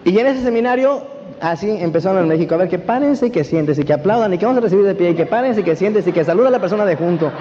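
A man with a Mexican accent giving an animated personal testimony to a seminar audience, often checking that they follow him. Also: sits high, very fast. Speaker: motivational speaker at a network marketing event. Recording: dull echoey hall recording with faint hiss.

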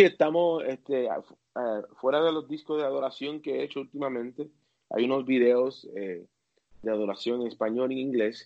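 A man, a worship leader and singer, talking casually as an interview guest and pausing often with fillers and restarts. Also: medium pitch, darkish tone, highs cut off. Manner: halting, many fillers and restarts.

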